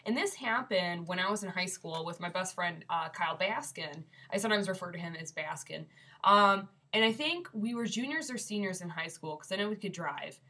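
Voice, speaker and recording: A young woman from Michigan, her voice congested and stuffy, tells a ghost story to her webcam for a casual video submission, rambling with plenty of fillers. Her voice is lowish and expressive with a sharp tone, at a normal speed.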